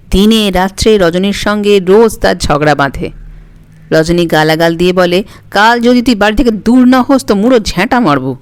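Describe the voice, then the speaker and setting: A woman with a Bengali accent narrating a short story in a calm, even reading voice. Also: medium pitch, dry recording.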